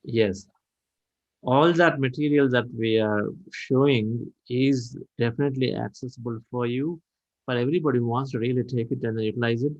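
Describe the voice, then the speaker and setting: A man's voice: mid-range voice, normal speed, a little mellow, dull audio. A middle-aged man hosting an online meditation session, speaking reflectively and encouragingly with loose, repetitive phrasing. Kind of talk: spiritual talk and hosting.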